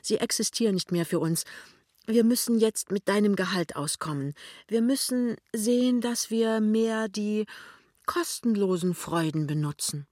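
A man's voice: sits high, moderate pace, no room sound, close to an everyday voice. A fierce, principled young wife speaks up, as a male reader puts her on, her voice lifted above his own. She talks firmly and with indignation. The recording is dry and close, with no room sound. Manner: indignant, firm. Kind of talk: audiobook dialogue reading.

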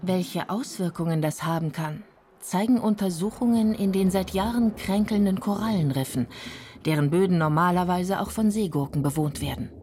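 A woman's voice: fairly low pitch, normal speed, warm tone, a little hiss or hum. A woman reading scripted science narration for a radio documentary. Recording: music bed behind the voice. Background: music.

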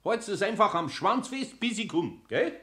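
A man's voice: high-pitched, very animated, normal speed, sharp tone, heavily acted. A man with a Bavarian accent playing a patient, down-to-earth older master carpenter in a radio play, matter-of-fact in tone. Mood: explaining.

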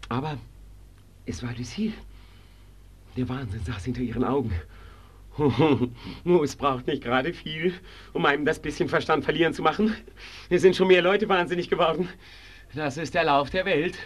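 An actor playing a young prisoner who wakes from a nightmare trembling and panicked, then slowly recounts it. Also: male voice, fairly high pitch, close to an everyday voice. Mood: shaken. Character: young male prisoner woken from a nightmare, terrified and shaken. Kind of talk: stage drama performance.

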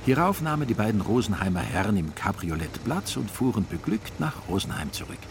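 A man narrating a literary text in a measured, ironic storytelling manner. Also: fairly low pitch, sing-song, background noise. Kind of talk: literary radio reading.

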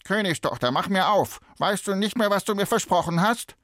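A man's voice: high voice, moderate pace, a bit bright, no room sound, studio quality, pitched above the performer's own voice. A man putting on a cheeky, pushy fairy-tale frog. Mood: shrill, insistent. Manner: pushy, demanding.

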